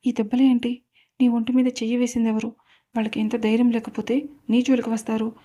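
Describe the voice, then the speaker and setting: A haughty, overbearing mother, voiced by a woman narrator in a read-aloud story. She speaks in a raised, level voice that stays fairly flat and sounds soft and mellow. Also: fairly high pitch, quick pace, lightly acted. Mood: indignant. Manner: indignant, demanding. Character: proud, overbearing middle-aged mother.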